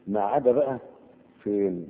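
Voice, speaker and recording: A man's voice: fairly low pitch, measured pace. A man with an Egyptian Arabic accent teaches the meanings of Quranic words, quizzing his listeners with repeated questions. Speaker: religious teacher. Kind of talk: Quranic vocabulary lesson. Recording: tinny phone-like audio with long hall reverb.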